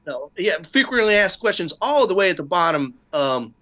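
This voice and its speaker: A man talking casually as a guest, halting often with fillers and restarts. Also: high-pitched, very animated, sharp tone, dull audio. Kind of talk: casual discussion.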